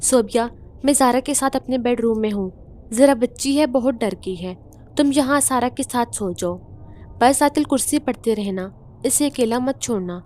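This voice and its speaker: A woman's voice: on the high side, warm tone, close to an everyday voice. Woman voicing a soothing worried father. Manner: soothing, reassuring. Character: worried middle-aged father, calm and protective.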